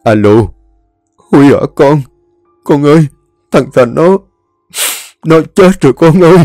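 A man's voice: fairly high pitch, expressive, takes it slowly, a little mellow, dry recording, studio quality, soft background music, voice pushed up. A man voicing a grieving middle-aged father with a choked voice, with a Southern Vietnamese accent. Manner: choked, sobbing.

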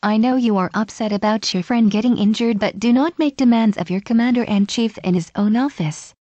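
A woman's voice: a little high, fairly quick, dark tone, no room sound, natural voice. A woman voicing a weary old male village leader who speaks curtly and commandingly. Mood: stern. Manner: curt, commanding.

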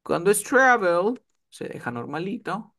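A man's voice: high voice, sing-song, unhurried, pushed and bright. A man teaching English one-on-one over a video call, often checking that his student is following. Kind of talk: one-on-one online tutoring.

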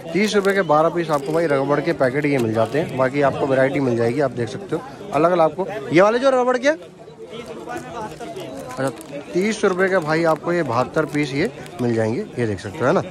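Crowd chatter fills this outdoor market walkaround vlog, shot handheld in point of view and selfie angles. A young man with a fairly high, animated, slightly fast voice checks prices with vendors and repeats them to his viewers.

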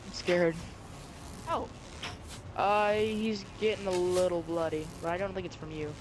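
A young man chatting casually while playing a video game with a friend, excitable and prone to yelping and repeating himself. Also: high voice, measured pace. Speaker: game player. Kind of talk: casual gaming chat. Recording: noisy background.

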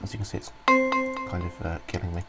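Over loud music, a software reviewer with a low voice and fairly even intonation talks a little fast. He rambles casually through a screen-recorded walkthrough of a program, full of ums and restarts.

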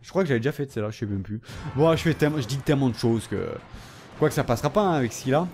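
A tired man casually commenting on his own game, excitable and talking to himself and his opponent. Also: mid-range voice, very fast, faint music behind. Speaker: gaming video host.

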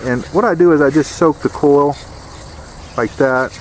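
A man's voice: a little high, unhurried, slight background noise. Folksy man showing a repair. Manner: folksy, plain-spoken, repeats warnings. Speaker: DIY home repair instructor. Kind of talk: casual how-to demonstration. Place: outdoors beside an air conditioner unit.

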